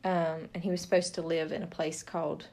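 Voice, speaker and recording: A woman's voice: low-pitched, little pitch movement, fairly quick, darkish tone. A woman co-hosting a podcast, chatting casually about a book, joking and laughing often. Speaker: podcast co-host. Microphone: podcast mic.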